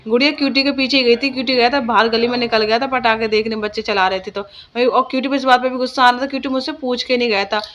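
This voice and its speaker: A woman's voice: fairly high pitch, fairly even intonation, quick pace, hardly any pauses, fairly bright tone. A young woman talking casually in her home vlog about her children and the day's chores. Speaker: vlogger.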